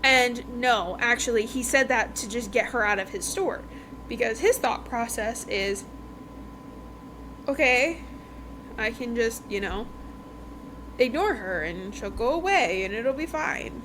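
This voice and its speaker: A woman podcast host who reviews books casually retells a novel's plot, chatty and conversational, acting out bits of dialogue in passing. Her voice is fairly high and expressive, a little slow, with long pauses. The background is clearly noisy.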